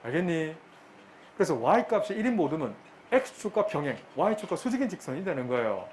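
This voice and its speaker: A middle-aged male math teacher lectures in a classroom with a slightly raised pitch. He talks briskly, teases his students and repeats his questions to them. A faint room noise sits behind his voice. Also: big pitch swings.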